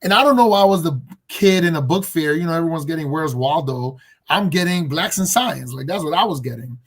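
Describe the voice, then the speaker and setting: A man's voice: a little high, expressive, a little fast. A man from Colombia, a guest on a video call, telling his story in a reflective, casual way with many fillers and restarts.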